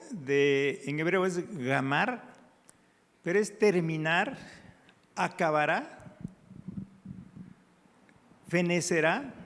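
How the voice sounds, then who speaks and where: A man preaches a sermon at an unhurried pace, drawing out his prayer phrases before pressing his teaching points with emphasis. His voice sits a little high for a man. The sound rings with the long reverb of a church hall. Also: fairly bright tone. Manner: slow, prayerful, drawn-out phrases.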